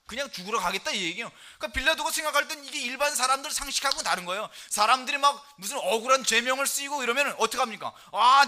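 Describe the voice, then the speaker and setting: Male pastor, sermon, high voice, bright and forceful tone, swings from loud to soft. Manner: animated preaching, quick and emphatic, rising loud for scripture quotes; drops to low soft tones for key points.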